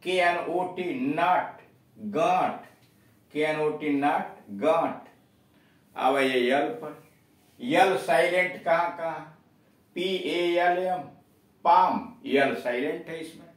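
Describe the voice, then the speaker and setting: Slow echoey male English teacher. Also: a little high. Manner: spells words letter by letter, then gives meanings. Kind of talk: spoken language lesson. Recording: echoey room from far off.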